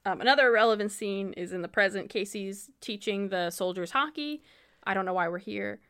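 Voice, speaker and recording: A woman's voice: medium pitch, fairly quick, a bit bright, clear, resonant tone. A woman co-hosting a podcast, recapping a movie in casual chat, wry and amused and laughing often. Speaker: podcast co-host.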